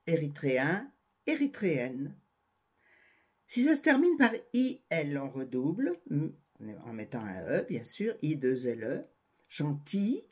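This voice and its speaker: Slow, husky grammar teacher. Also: female voice, mid-range voice, a little mellow. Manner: dictates word pairs slowly and clearly, stressing endings. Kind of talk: slow spoken grammar lesson.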